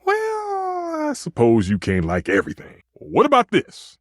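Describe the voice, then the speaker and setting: Stefan, wildly animated flirty stove chef. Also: male voice, very high-pitched, measured pace, no room sound, studio quality, heavily acted. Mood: let down, gracious. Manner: theatrical, expressive, swinging between exclaiming and murmuring. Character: passionate, dramatic, flirtatious living stove who is a chef. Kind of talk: voiced dating video game character lines.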